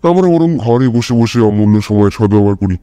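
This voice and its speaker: A man voicing a sharp, restless middle-aged male detective who questions and lectures in a measured way, in a storybook audio drama. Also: on the low side, lively intonation, smooth, dry recording, soft background music, close to an everyday voice. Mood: probing.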